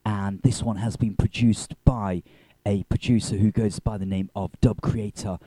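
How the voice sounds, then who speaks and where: A man hosts a radio show in a presenter's style. His voice sits fairly low and is very dark and soft-edged. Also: fairly even intonation, moderate pace, no room sound. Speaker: radio host.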